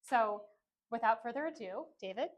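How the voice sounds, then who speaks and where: A woman's voice: on the high side, lively intonation, normal speed. A woman hosting an interview, friendly and loose, introducing her guest with a few fillers. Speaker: interview host.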